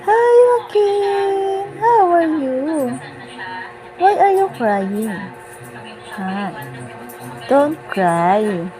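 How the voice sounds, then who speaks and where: A woman voicing a playful pet cat that soothes a crying baby in slow, sing-song baby talk, with music playing behind. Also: high voice, sing-song, voice pushed up, exaggerated voice. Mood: playful soothing. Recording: background music over the voice.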